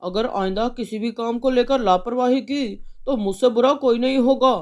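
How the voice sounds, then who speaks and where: A woman voicing a stern, angry father who scolds loudly. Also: high-pitched, normal speed, voice pushed up, lightly acted. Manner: loud, stern.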